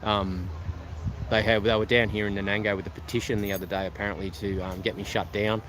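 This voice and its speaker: A low-voiced Australian man chats to his live-stream viewers outdoors, rambling and relaxed, full of ums and false starts. The phone audio picks up clear outdoor noise behind him. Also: brisk. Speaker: live-streaming car enthusiast. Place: outdoor car show.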